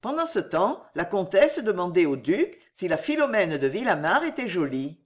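Brief: woman narrator, expressive storyteller with a lively pitch range, audiobook. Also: normal speed. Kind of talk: audiobook reading of a novel.

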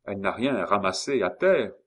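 A man's voice: lowish voice, expressive, moderate pace. A man voicing a stern, suspicious young male officer who gives firm commands. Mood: interrogating.

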